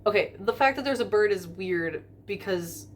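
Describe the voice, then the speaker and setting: A woman's voice: mid-range voice, expressive, moderate pace, a little hiss or hum. A young woman telling a story to the camera in an airport terminal, rambling with lots of fillers and restarts. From United States. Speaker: vlogger. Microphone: camera filming herself in front of a window.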